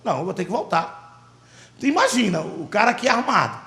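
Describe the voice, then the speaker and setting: A man with a Brazilian Portuguese accent, a pastor preaching a sermon and telling a story with animated, dramatic delivery. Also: high-pitched, a little fast, gravelly, roomy sound.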